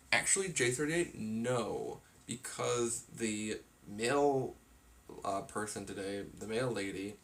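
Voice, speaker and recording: Though his voice is lowish, its tone is fairly bright, and a little hiss or hum runs underneath. He's a drowsy man on a live stream, yawning and meandering through his plans in a tired, filler-laden ramble.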